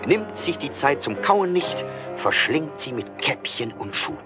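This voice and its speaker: A man's voice: medium pitch, measured pace. A man narrating a rhymed fairy tale with mocking humor, switching into voices for the characters. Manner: lively, mocking storyteller voicing characters. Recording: studio record with music behind.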